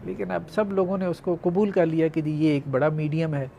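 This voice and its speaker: A man giving measured, conciliatory views in a panel discussion. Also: fairly high pitch, vocal fry, dark tone, a little hiss or hum. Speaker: discussion participant.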